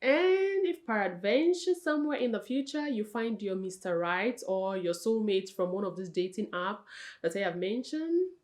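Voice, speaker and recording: A young woman vlogger giving casual, chatty advice straight to her viewers, expressive and correcting herself often. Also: medium pitch, moderate pace. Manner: chatty, talks straight to viewers as "you guys" and "sis"; expressive, with frequent self-corrections.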